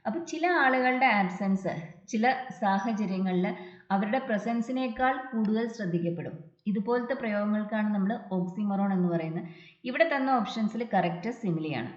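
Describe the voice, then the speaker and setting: A woman tutor explains grammar point by point and reads English example sentences slowly and deliberately. Her voice sits at a middle pitch. The recording is dull and muffled, with a roomy echo. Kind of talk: exam prep lesson. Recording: dull echoey room recording.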